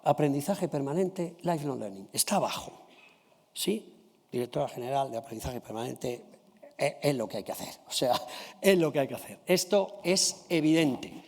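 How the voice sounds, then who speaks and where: A man giving a formal conference presentation of a study. He addresses the audience politely and checks in often with a quick "¿sí?" or "¿vale?". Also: medium pitch, expressive, gravelly, darkish tone, long reverb tail.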